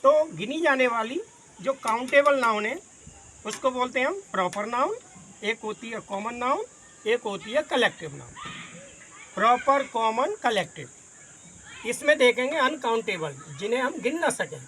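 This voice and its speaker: A man's voice: very high-pitched, animated, bright, forceful tone, a little hiss or hum. A man from Agra, India, teaching a grammar class in a patient way, explaining by listing many examples and calling his students "son". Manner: says he talks fast.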